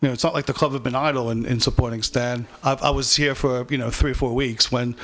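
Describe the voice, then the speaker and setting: A man who is a club chief executive, answering supporters' questions at a fans forum in a brisk, reassuring way with quick restarts. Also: mid-range voice, fairly even intonation, fairly bright tone. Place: club function room.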